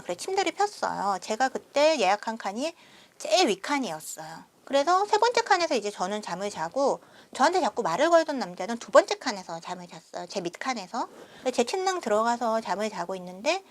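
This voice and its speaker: A young woman vlogger telling a travel story casually to camera, acting out the quoted lines. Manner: animated, acts out quoted lines with big pitch jumps.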